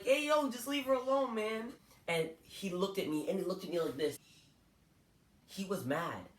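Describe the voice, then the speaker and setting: A young man from Canada telling personal stories to camera in an earnest, hurt, candid way. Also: mid-range voice. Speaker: vlogger. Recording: echoey room.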